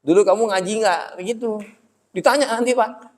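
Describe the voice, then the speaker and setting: A man's voice: sits high, brisk. A man giving a religious study lecture in a prayer room, often asking questions and answering them himself. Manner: addresses listeners as "Pak", asks and answers own questions. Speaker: religious teacher. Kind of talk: Islamic study-circle lecture. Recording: long hall reverb.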